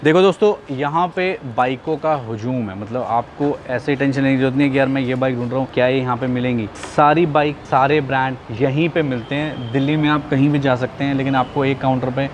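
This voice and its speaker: A man's voice: medium pitch, steady tone, a little fast, few pauses, a little hiss or hum. A man hosting a vlog in casual promotional chat, mixing in short English phrases. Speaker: vlog host presenting a bike shop.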